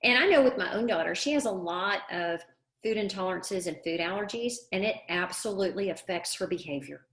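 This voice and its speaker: A woman's voice: medium pitch, a little fast, a bit bright. A middle-aged woman coaching parents in a live online class, earnest and emphatic, repeating words for stress. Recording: echoey room.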